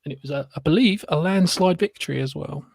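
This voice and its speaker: A man's voice: on the high side, quick pace, creaky, a little mellow, no room sound. A British man co-hosting a live sports chat show, teasing and dry in casual banter over a video call. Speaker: podcast co-host.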